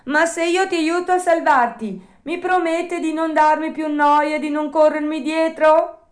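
A woman voicing Pinocchio, a cheeky wooden puppet boy in a storybook reading, with a bright, piping, child-like delivery. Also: high voice, fairly even intonation, measured pace, pitched above the performer's own voice. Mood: wary.

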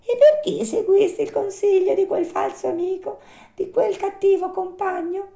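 A woman voicing a kindly little female marmot who speaks slowly and sighs with sympathy. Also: very high voice, fairly even intonation, creaky, voice pushed up. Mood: consoling. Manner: slow, soft, sighing and sympathetic.

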